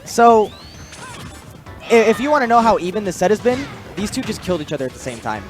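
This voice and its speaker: Giggly animated young man commentating. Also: sits high, fairly quick. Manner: giggly, animated, easily startled. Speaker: esports commentator. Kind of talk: live game commentary. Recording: game music behind.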